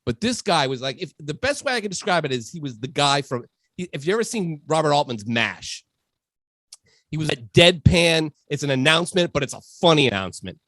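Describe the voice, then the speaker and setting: A man co-hosts a sports podcast in a casual chat, telling stories and breaking into laughter along the way. His voice sits a little high. The sound is close and dry, with no room around it. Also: sing-song, brisk, a bit bright, no echo. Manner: laughs through his storytelling. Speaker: podcast co-host.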